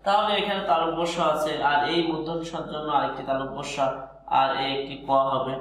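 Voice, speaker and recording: A man's voice: a little high, a little fast, fairly bright tone, a little hiss or hum. A man teaching pronunciation, explaining each step methodically and repeating examples. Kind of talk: pronunciation lesson. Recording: very echoey room.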